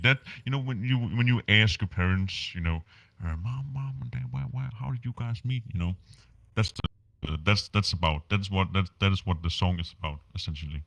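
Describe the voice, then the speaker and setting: Speaking English in a relaxed interview, this podcast guest from Denmark stumbles along with frequent fillers and restarts. He has a deep, creaky voice with a fairly bright tone and no room sound.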